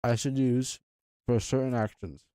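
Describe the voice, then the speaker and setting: Man, livestreamer, thinking aloud, mumbling, unhurried, dry close sound. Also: mid-range voice, fairly even intonation, warm tone, dry recording. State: talking with his mouth full. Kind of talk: casual livestream while coding.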